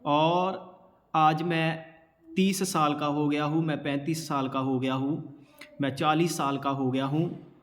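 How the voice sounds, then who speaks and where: A man delivers a slow, measured sermon as a pastor, posing rhetorical questions and answering them himself. His voice sits a little high for a man, and it rings out with a long reverb tail, as if in a large hall.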